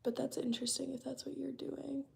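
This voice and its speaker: A high-pitched, level voice with vocal fry moves fairly quickly as an American woman in her early twenties chats with her live viewers. She's working remotely from home, and her easygoing talk is peppered with "um" and "like".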